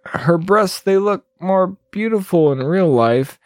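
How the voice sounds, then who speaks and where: A man's voice: sits high, lively intonation, slow pace, no room sound, studio quality, voice pushed up. A man voicing a lecherous, pompous male goblin king in a game, with a leering, gloating delivery.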